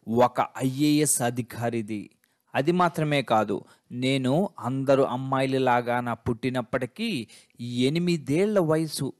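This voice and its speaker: A man reading a first-person story aloud in a measured, emotional storytelling manner. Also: mid-range voice.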